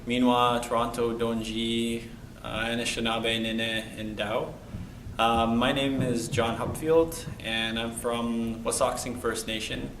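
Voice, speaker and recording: A man introducing himself in an interview, speaking deliberately with fillers. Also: mid-range voice, flat delivery, a bit bright. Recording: echoey room with noise.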